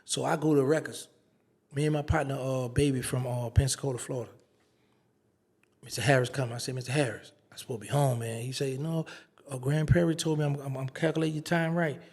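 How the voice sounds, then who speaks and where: Gravelly-voiced man telling a story. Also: mid-range voice, a little fast. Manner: animated storyteller, acts out quoted dialogue. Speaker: interview guest. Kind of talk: casual storytelling.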